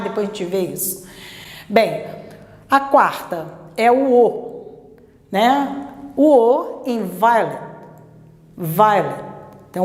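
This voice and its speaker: A woman teaching an English pronunciation lesson, patient, repeating words slowly and checking in often. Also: medium pitch, a little mellow. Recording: echoey room with long reverb.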